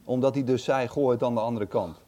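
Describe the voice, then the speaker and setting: A man's voice: mid-range voice, brisk, mellow. A man reading a Bible passage aloud and commenting on it casually, thinking aloud with hesitant, chatty asides. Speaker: Bible teacher.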